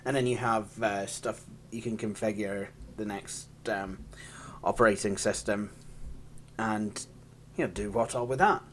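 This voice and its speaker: A man's voice: on the low side, fairly even intonation, a little slow, a little hiss or hum. A Scottish man casually walking through an old operating system, rambling and poking fun at himself, laughing often. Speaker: tech channel host. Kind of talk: casual hands-on software walkthrough.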